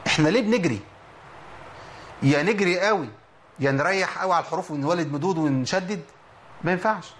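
A man with an Egyptian accent teaching Quran recitation in a lively lesson, quizzing listeners and slowly sounding out letters. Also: high voice, a little hiss or hum. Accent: Egyptian Arabic. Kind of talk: spoken tajweed lesson.

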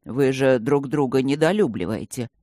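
A woman voicing an ancient, mighty male dragon who speaks slowly in a low, booming, mocking voice. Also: warm tone, no room sound, studio quality. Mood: amused, sly. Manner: slow, booming, lower voice.

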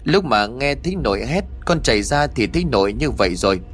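A man's voice: medium pitch, animated, fairly quick, fairly bright tone, soft background music, lightly acted. A man voicing an anxious, easily flustered young man in a ghost story, stammering and pleading. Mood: panicked.

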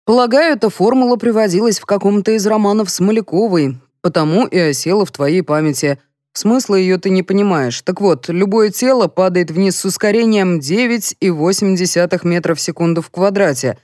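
A woman playing a portly, self-important male police colonel in an audiobook, lecturing everyone in a condescending, bossy tone. The voice sits raised and loud, pushed with emphasis, in a dry, close recording. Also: mid-range voice, a little fast, no room sound, voice pushed up, lightly acted. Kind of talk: audiobook character voice.

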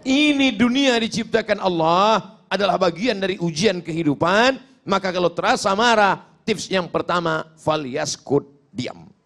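A man preaching a lively Islamic sermon, swinging between loud rebuke and quiet asides, joking with the audience. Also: high-pitched, unhurried. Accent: Indonesian.

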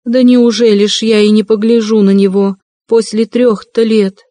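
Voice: mid-range voice, fairly even intonation, unhurried, a little mellow, dry recording, close to an everyday voice. Pulkheria, a reader voicing a tearful anxious old mother. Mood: anxious pleading.

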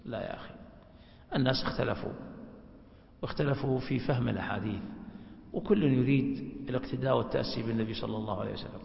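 A man's voice: mid-range voice, gravelly. Man, scholar teaching, explanatory, rhetorical questions, dull lo-fi recording, roomy echo. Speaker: religious scholar teaching a class. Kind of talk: classroom lecture. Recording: echoey hall, dull lo-fi sound.

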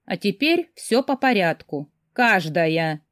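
A woman reading an audiobook, voicing a nosy, insistent older sister with a loud, pushy manner. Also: mid-range voice, big pitch swings, takes it slowly, dry recording, studio quality.

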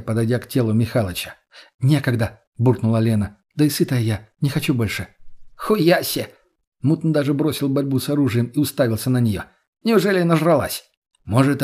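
A man narrating a story in the first person, steady and matter-of-fact. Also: medium pitch, breathy edge. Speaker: audiobook narrator.

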